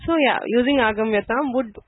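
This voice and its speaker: Husky high-pitched man teaching grammar. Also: a little fast, dry recording. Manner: patient, explanatory, frequent "okay" and "so". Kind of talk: online class lecture answering questions. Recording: dry, phone-like narrow sound.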